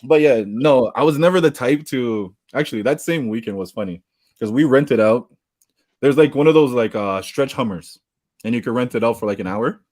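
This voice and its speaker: A podcast co-host tells stories in a casual chat, laughing through them and retelling events with animation. He has a mid-range voice at normal speed.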